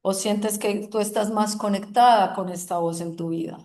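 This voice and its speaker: A woman teaching a yoga group in a gentle, reflective way, often checking in with the listeners. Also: mid-range voice, steady tone. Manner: slow, soothing, asks "¿sí?" often. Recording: roomy echoing room.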